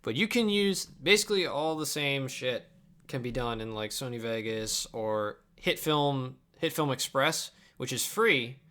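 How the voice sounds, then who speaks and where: A young man livestreams while editing video at his home computer desk, chatting offhandedly and sometimes muttering to himself. His mid-range, fairly bright voice is expressive and measured, with hardly any pauses, over a backdrop of mouse clicks and typing.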